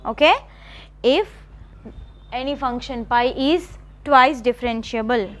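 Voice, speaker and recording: A woman college math lecturer, dictating notes slowly and repeating phrases, often checking with the class. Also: on the high side, fairly bright tone. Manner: repetitive, slow dictation with checking questions.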